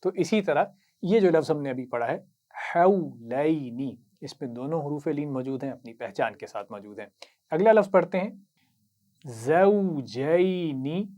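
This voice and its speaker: A man with an Urdu accent teaching Quran reading, patiently explaining each word, reciting it slowly and praising the learner. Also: on the high side, animated, dark tone. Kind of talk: slow instructional lesson.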